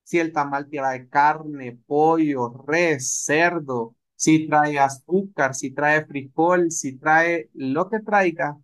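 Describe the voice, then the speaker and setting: A man teaching a live language lesson, slowing down to spell out example words. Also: on the high side. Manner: explanatory, slows down to spell out words.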